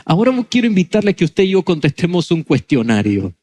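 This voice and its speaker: Animated pastor preaching, man. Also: high voice, a little fast. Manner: animated storytelling, acts out dialogue. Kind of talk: sermon.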